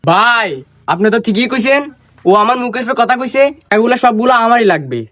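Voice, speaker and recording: High, bright, hot-headed Bangladeshi lad acted by a man. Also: brisk, no room sound. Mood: indignant threatening. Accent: Bangladeshi regional Bengali. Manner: blunt, quarrelsome. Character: hot-headed, greedy older lad squabbling over money. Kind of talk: comedy skit acting.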